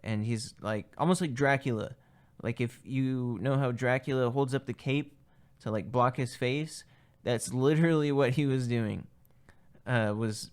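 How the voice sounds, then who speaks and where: A man's voice: mid-range voice, clean tone. A young man telling a personal story in casual spoken style, rambling with many fillers and restarts. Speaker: guest telling a personal encounter.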